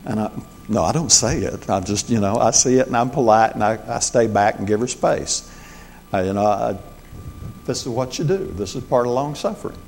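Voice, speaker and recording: A man's voice: fairly low pitch, moderate pace, creaky, a little mellow, a little hiss or hum. A man in his sixties preaching a sermon as the pastor, in a folksy, conversational way with joking asides. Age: 60s.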